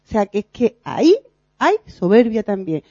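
A woman preaches informally to her fellow believers. Her voice is mellow and warm, and her delivery is earnest and lively. The recording is dry and slightly dull, like a low-fi capture. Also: moderate pace, dry recording. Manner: earnest and animated, acts out quoted voices, laughs at herself. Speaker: lay preacher in a prayer meeting. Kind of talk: informal sermon.

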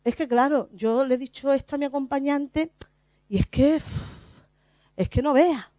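A woman giving a lively spiritual testimony, laughing often and acting out her own past words. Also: high voice, moderate pace, no room sound. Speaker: lay preacher. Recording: dull, muffled dry recording.

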